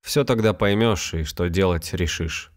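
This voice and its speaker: A man's voice: sits low, measured pace. A man voicing a weary, plain-spoken old village grandmother in a storybook reading, with a raised, rustic, sighing delivery.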